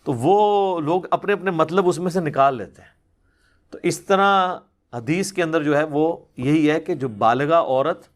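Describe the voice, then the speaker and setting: A man with a slightly higher-than-usual voice answers religious questions from a questioner. He explains in an easy, conversational manner, patiently building his points through examples. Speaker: Islamic scholar answering questions.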